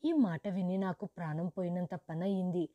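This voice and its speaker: A woman narrating a storybook in the first person as a grieving, widowed mother who lost her wealth, in a steady, measured reading. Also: on the low side, no room sound, highs cut off, lightly acted. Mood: sorrowful.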